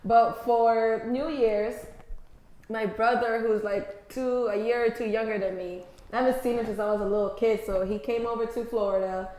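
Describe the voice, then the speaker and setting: A young woman co-hosting a podcast, telling stories in relaxed, slangy casual chat. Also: on the high side, moderate pace. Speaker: podcast co-host. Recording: very echoey room.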